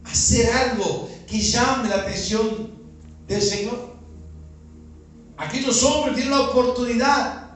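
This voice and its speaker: A man's voice: very high-pitched, slow, pauses often, fairly bright tone. A man with a Uruguayan Spanish accent, a pastor preaching a sermon and firing rhetorical questions at his congregation, recorded outdoors in a neighborhood. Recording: echoey, from far off, with faint music.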